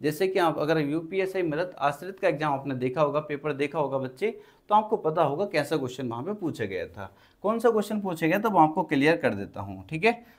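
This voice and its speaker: A man's voice: on the high side, lively intonation. A man from India with a Hindi accent from Uttar Pradesh, teaching an exam-prep grammar lesson and answering his own questions in the students' voice. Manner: repeats key phrases slowly while writing on a board.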